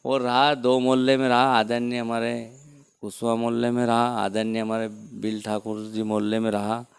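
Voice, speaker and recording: A man speaking with a tinge answers an interviewer's accusations as village head. He is insistent and keeps repeating rhetorical questions to defend himself. His voice is smooth and clear at an average pitch. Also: flat delivery, moderate pace.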